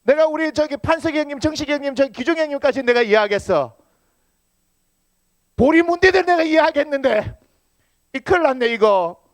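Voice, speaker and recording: A man's voice: very high voice, lively intonation, fairly quick, pauses often, dry recording. A man preaching a Sunday sermon as senior pastor, joking with the congregation and asking rhetorical questions.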